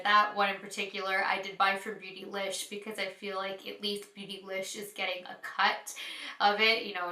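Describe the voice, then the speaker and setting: A beauty vlogger chats casually to her viewers, apologetic and explanatory, her medium-pitched voice pushed and bright but congested and nasal from a head cold. The recording sounds roomy and echoey.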